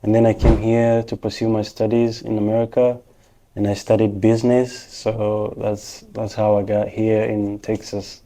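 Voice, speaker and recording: Warm and lowish, the voice of this Rwandan interview guest stays monotone at a moderate pace. He is a technician and financial professional whose casual answers patiently work through each point in turn.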